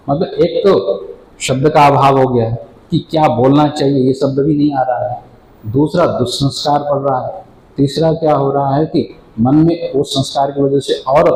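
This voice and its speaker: A man giving a devotional sermon as a spiritual teacher, explaining patiently, asking questions and answering them himself, and slowly drawing out chanted words. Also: a little high, vocal fry, a little mellow. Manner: chants the divine name slowly and drawn out. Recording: echoey room with faint ambient noise.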